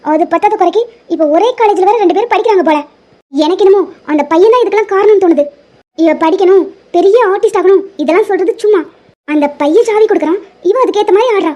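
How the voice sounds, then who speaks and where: This is a bossy, suspicious cartoon mother, voiced by a woman who scolds everyone in a sharp tone. The voice sits very high, and the words come out fast. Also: highs cut off. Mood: scolding. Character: strict, scolding middle-aged rich mother. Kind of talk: Tamil cartoon dub.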